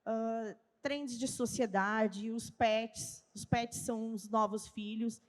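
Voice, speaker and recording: Taking it slowly, a woman with a gaúcho accent from southern Brazil speaks in a voice on the high side with fairly even intonation. She is a trade-fair speaker giving a didactic talk, answering the questions she raises herself. Long hall reverb marks the recording from a large event hall with a live audience.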